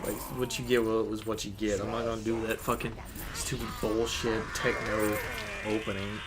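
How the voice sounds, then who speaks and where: A young man hosting his gaming channel chats casually with a friend over gameplay, laid-back, rambling and swearing freely. His voice is fairly low with little pitch movement and normal speed. The audio is very noisy, with game music in the background.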